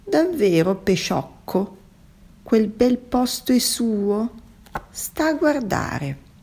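A woman's voice: a little high, big pitch swings, gravelly, darkish tone, voice pushed up, exaggerated voice. A woman voicing a smug, discontented squid in a children's story, haughty and mocking. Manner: haughty, drawn-out mocking tones.

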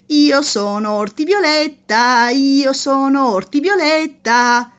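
A woman's voice: high-pitched, slow pace, dull audio. A woman putting on a sad, stubborn little fairy. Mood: eager. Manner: firm, plaintive refusals.

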